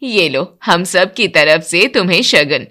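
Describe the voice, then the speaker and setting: A woman's voice: lowish voice, animated, slow pace, pushed and bright, voice pushed down, full character voice. A woman voicing a strict older mother-in-law who lays down the house rules in a cartoon story. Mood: stern.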